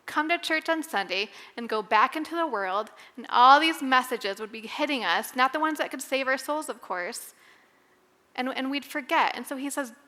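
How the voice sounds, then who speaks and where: A woman speaks to a women's Bible study in a candid, conversational way, pausing and restarting as she works through a personal story. Her voice sits fairly high and sounds bright and clear. A long hall reverb trails behind her words. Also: expressive. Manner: candid, conversational, with fillers and emotional pauses. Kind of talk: personal testimony devotional talk.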